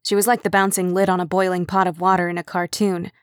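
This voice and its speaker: A woman narrates an audiobook in an even, measured way. The recording is dry and close, with no room sound. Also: fairly low pitch, dry recording. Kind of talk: scripted narration.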